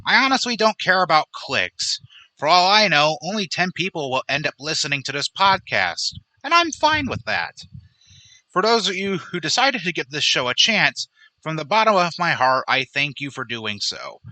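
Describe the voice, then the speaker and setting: A man hosting a political commentary podcast, sarcastic and indignant as he lays out his case. His voice is higher than most men's and very bright and forceful. The recording is close and dry. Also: very animated, moderate pace, no room sound, low-quality recording. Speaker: podcast host.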